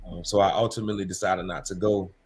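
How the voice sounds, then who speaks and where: A man's voice: sits low, flat delivery, fast talker, a little mellow. A man in casual, reflective chat with friends, laid-back, slangy and a little hesitant as he thinks aloud.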